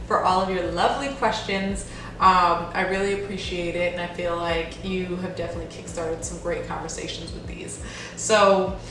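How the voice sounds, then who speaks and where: A woman in her twenties from Jamaica, chatting casually as a beauty vlogger answering viewer questions, with lots of "um" and "like". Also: medium pitch. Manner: chatty, friendly, with frequent "um" and "like". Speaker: beauty YouTuber. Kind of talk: casual Q&A vlog. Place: home in New Jersey. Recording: echoey room, mic at a distance, background noise.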